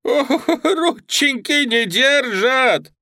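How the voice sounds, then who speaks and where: Man putting on a shell-shocked soldier, shrill, whiny, clowning, very high voice, dry close sound. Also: expressive, extremely slow, sharp tone, no room sound, exaggerated voice. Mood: whining. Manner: wheedling, high-pitched clowning wail.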